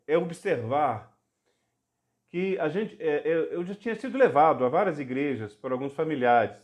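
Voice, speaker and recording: A middle-aged bishop with a Brazilian Portuguese accent shares his testimony as a podcast guest. His delivery is earnest and rises into fervor when he speaks of miracles. His voice sits a touch higher than most men's. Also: lively intonation, moderate pace, darkish tone. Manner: earnest, grows fervent when recounting miracles. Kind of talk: personal testimony in a church podcast.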